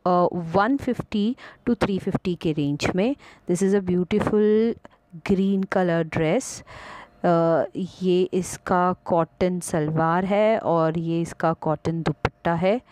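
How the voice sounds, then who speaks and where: Slow, low-voiced woman shopping vlogger. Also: darkish tone, dry recording, poor audio. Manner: chatty, mixes Hindi and English, frequent "uh" fillers. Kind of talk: casual vlog narration.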